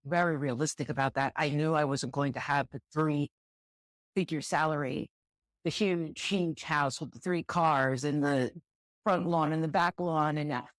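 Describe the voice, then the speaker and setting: With a low, steady voice and a measured pace, a middle-aged woman from the United States speaks as an interview guest in a relaxed conversation about her work as director of student housing. She's open and thoughtful, repeating words as she searches for them, with no echo present.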